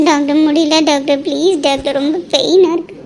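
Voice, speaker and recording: A woman's voice: high voice, steady tone, brisk, noisy background. A woman voicing a young cartoon wife in labour, wailing, pleading and snapping at her husband. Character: young wife in painful labour, panicky and cursing. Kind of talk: cartoon voice acting.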